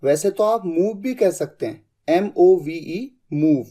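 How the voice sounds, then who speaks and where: An English vocabulary teacher giving a scripted lesson, saying each word, spelling it out letter by letter, then repeating it in a lower, firmer tone. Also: takes it slowly, warm tone. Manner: drops to a lower, firmer pitch on the final repeat.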